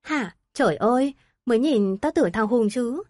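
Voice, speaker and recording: A woman's voice: on the high side, expressive, moderate pace, a little mellow, no echo, lightly acted. A woman voicing an elderly grandmother in an audio story, exclaiming and chiding with affection. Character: elderly grandmother, fussing and blunt.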